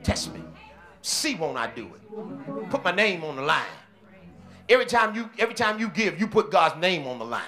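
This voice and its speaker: A man preaching a sermon as senior pastor, with call-and-response shouting bursts and quieter stretches. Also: sits high, very animated, moderate pace, pauses often. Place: church.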